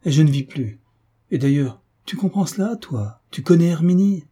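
Male reader as a despairing young nobleman, passionate, low and husky. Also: animated, normal speed, mellow. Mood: anguished. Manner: impassioned, despairing. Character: anguished young nobleman in love.

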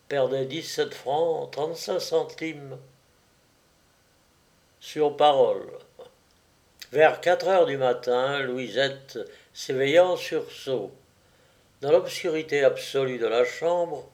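A man reading a comic story aloud as narrator, in an unhurried, wry way. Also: mid-range voice, vocal fry, a little mellow.

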